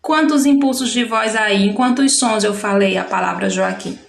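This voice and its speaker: A woman teaching a children's workbook lesson with Brazilian Portuguese speech, patiently slowing down to spell out syllables. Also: medium pitch, gravelly. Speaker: primary school teacher. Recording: echoey room.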